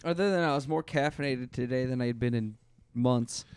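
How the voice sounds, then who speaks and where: A man's voice: mid-range voice, brisk, darkish tone, clean tone, dry recording, clean studio sound. A man in casual, teasing banter who swears freely.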